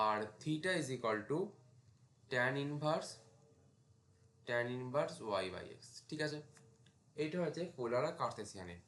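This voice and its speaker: A math tutor teaches a casual classroom lesson, his voice a little high and a bit bright in a roomy space. He talks students through each step as he writes and asks them checking questions.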